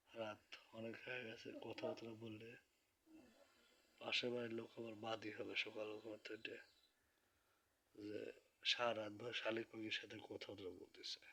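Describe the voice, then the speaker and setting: A man quietly narrating a late-night home vlog about his pet bird, speaking softly so the neighbors can sleep. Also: on the low side, breathy edge. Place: indoors at home, in bed.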